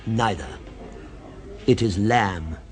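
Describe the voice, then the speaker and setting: This actor's voice sits lowish and moves slowly, with faint music behind him on an old radio recording. In this 1970s drama he portrays a refined, restaurant-obsessed man whose delivery is exact, insinuating, knowing and earnest.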